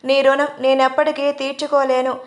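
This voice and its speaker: A woman voicing a shy, tearful young woman speaking softly and gratefully in a storybook reading. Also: high-pitched, little pitch movement, normal speed, lightly acted. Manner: soft, grateful.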